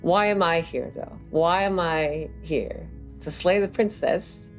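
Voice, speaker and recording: A woman's voice: on the low side, slow, faint music behind. A woman game streamer giving casual playthrough commentary in a musing, playful, sardonic way.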